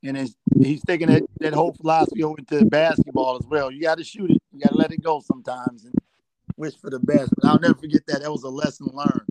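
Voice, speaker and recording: A man's voice: a little high, steady tone, fast, a loud crowd, rough recording. A middle-aged man telling rambling hunting anecdotes as a guest, often repeating "I said.". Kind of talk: storytelling anecdotes.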